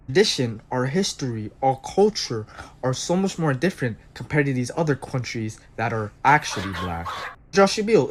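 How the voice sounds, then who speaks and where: A man's voice: fairly high pitch, slight background noise. A man in a played video clip giving an insistent, opinionated monologue to camera.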